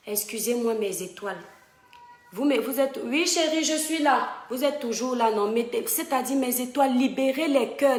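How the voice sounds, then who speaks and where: A woman from Cameroon, talking directly and emphatically to online followers as she tells a personal story from home. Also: fairly high pitch. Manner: emphatic, fond, addresses viewers directly. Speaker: live-stream storyteller. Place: home room. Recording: roomy home echo.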